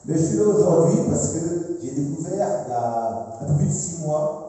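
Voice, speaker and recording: A man's voice: fairly high pitch, lively intonation, moderate pace, mellow. A man in his forties from western France, giving a friendly, plainspoken talk to a live audience. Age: 40s. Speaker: presenter, insurance worker. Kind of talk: live public presentation. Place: large echoing hall, recorded from a distance. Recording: distant, echoey hall recording.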